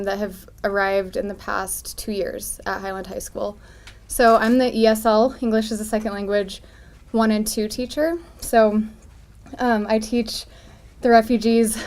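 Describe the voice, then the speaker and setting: A woman who teaches English as a second language at a high school, speaking cheerfully with fillers at a news conference. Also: darkish tone. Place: city hall news conference room.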